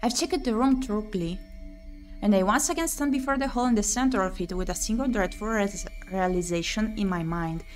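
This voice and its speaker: A woman streamer with a medium-pitched voice plays a visual novel, briskly and expressively reading the game text aloud while adding her own commentary. Game music plays in the background.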